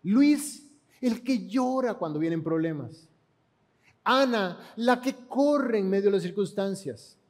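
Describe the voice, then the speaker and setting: With a Panamanian Spanish accent, a man preaches a sermon in a high-pitched, animated voice, taking it slowly. He retells scripture dramatically and poses rhetorical questions to the congregation.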